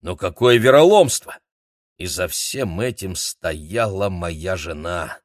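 A man's voice: sits low, animated, takes it slowly, no room sound, studio quality, exaggerated voice. A man doing a fretful, lamenting old hotel keeper. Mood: aggrieved. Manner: lamenting, exasperated.

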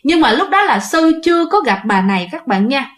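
Woman, Southern Vietnamese accent, fairly high voice, casual ghost story telling, talks straight to listeners. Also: big pitch swings, brisk. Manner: chatty, addresses listeners directly, many fillers.

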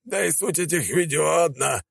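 A man voicing an excitable middle-aged male prefect who wheedles and fawns. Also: on the high side, normal speed, gravelly, slightly rough, no room sound, clean studio sound, pitched above the performer's own voice, exaggerated voice. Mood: blunt. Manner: wheedling, shouting, ingratiating.

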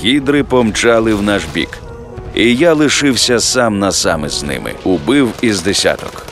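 A man reading a science fiction audiobook aloud, expressive and lifting his voice for the dialogue. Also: lowish voice, normal speed, faint music behind. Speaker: audiobook narrator. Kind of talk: scripted audiobook narration.

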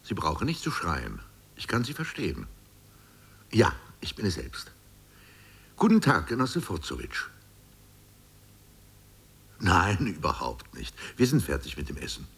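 A grumpy, commanding party boss barks impatient orders in a radio play. His voice is low and deeply husky, yet it swings widely in pitch. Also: huge pitch swings, measured pace, pauses often, fairly bright tone, exaggerated voice. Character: irritable male head of state, always interrupted at lunch. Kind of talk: 1990s radio play satire.

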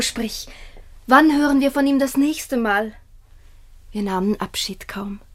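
In a classic radio play, an actress with a medium-pitched voice plays a passionate, devoted and defiant young princess. She declaims with intensity, at times dropping into breathy whispers.

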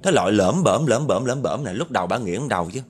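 A man narrating a ghost story in a lively, dramatic way, addressing his listeners directly. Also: lowish voice, fast, soft background music.

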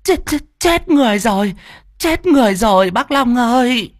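A man's voice: extremely high pitch, lively intonation, normal speed, no room sound, clean studio sound, voice pushed up. A man voicing a panicked village woman who stammers and gasps as she calls for help. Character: panicked shrill village woman, breathless and loud.

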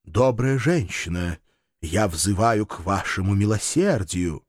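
A meek, earnest male angel, voiced by a man reading a storybook who pleads in a gentle, solemn way. His speech moves with lively pitch. The recording is dry and close. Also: takes it slowly, dry recording. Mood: pleading.

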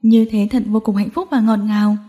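Mellow woman reading a romance novel. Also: medium pitch, steady tone, a little fast. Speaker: audiobook narrator. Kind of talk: scripted narration of a romance novel.

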